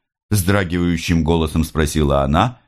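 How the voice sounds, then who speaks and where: A man narrating a classic novel in a measured, expressive reading. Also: extremely low pitch. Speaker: audiobook narrator. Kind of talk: scripted literary narration.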